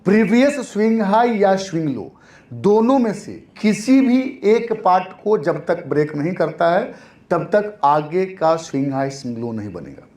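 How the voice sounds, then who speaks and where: Guy teaching chart reading, high lively voice, keeps repeating stuff and asking himself questions. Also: moderate pace. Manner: repetitive, asks and answers own questions. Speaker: trading teacher. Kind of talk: classroom-style chart lesson.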